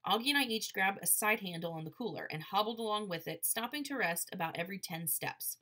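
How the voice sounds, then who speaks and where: Bright-voiced woman reading a story. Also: mid-range voice, animated, quick pace. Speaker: audiobook reader. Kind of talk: audiobook narration.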